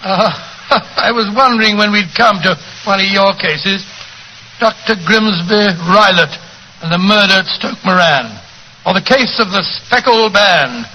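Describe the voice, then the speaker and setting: Bumbling amiable english doctor, high voice, 1940s radio drama, slightly noisy old recording. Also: male voice, a little slow, sharp tone, full character voice. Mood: excitable. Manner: blustering, bumbling. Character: amiable, easily startled, older English doctor sidekick Watson.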